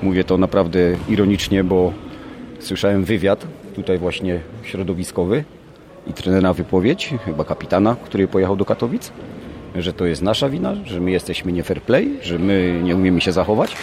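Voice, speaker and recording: A man's voice: low voice, expressive, brisk, background noise. A man, a sports coach, giving a post-match interview, indignant and sarcastic, complaining at length.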